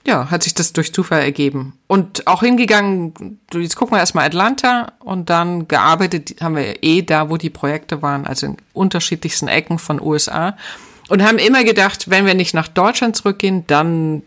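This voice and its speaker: A middle-aged woman from Germany, telling her story as an interview guest in a calm, reflective way. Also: lowish voice, brisk. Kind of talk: casual interview chat.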